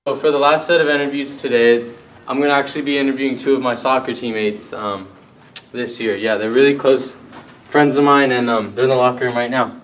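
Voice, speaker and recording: A young male student interviewing friends in a relaxed, casual way, full of agreeing fillers. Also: mid-range voice, brisk, a little hiss or hum. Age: young adult. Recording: roomy sound from a distant mic with background music.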